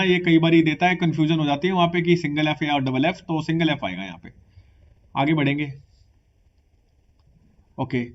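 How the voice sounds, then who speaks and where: A man's voice: fairly high pitch, lo-fi sound. A young man teaching exam vocabulary, explaining patiently in mixed with English terms and often checking in with "theek hai". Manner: explaining patiently, mixing English words into Hindi, repeating "ठीक है".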